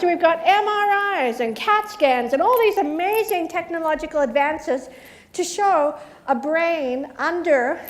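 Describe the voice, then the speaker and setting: A woman business coach giving a motivational talk to a live audience, playful and lively, acting out the voices in her head. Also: high voice. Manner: lively, playful, acts out inner voices with mock quotes. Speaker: keynote speaker and business coach. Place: event hall in front of an audience.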